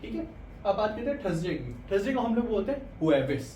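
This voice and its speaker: A man teaching a language lesson, patiently explaining pronunciation and saying words slowly and repeatedly. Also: high-pitched, sing-song, dark tone, slight background noise. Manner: patient, repeats words slowly, often says "thik hai". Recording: echoey room, mic some distance away.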